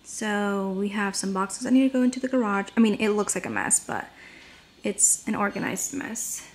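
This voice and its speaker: A young woman vlogger chats casually to her camera, first in her home kitchen and then in a parked car, rambling with plenty of fillers. Her mid-range voice is expressive, and she talks at normal speed.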